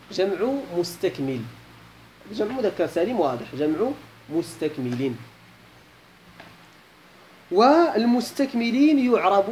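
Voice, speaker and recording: A man's voice: high-pitched, a little mellow, slight background noise. A man with a Moroccan accent teaching a classical Arabic grammar lesson, posing questions to his students and repeating key points, with colloquial asides.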